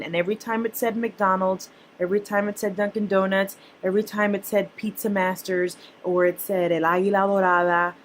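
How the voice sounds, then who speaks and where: A woman's voice: on the low side, fairly bright tone, a little hiss or hum, poor audio. A young woman, a mother, vlogging about her spending in a chatty, blunt, casual way to her viewers. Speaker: personal finance vlogger, mother. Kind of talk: casual talk to camera.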